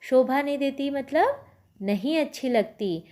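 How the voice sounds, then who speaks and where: A woman's voice: sits high, animated, a little slow, dark tone. A woman teacher patiently retelling a story to young children, often stopping to explain and ask them questions. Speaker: primary school teacher.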